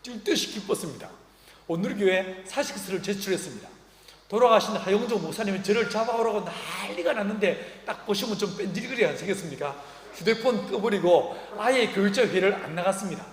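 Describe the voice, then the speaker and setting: A middle-aged male pastor delivers a sermon in a reverberant church hall, his voice sitting high for a man. He tells stories with a light, humorous touch. He slips into the voices of the people in them. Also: fairly quick. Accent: Korean. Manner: humorous, acts out quoted dialogue. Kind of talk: sermon with storytelling. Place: church sanctuary.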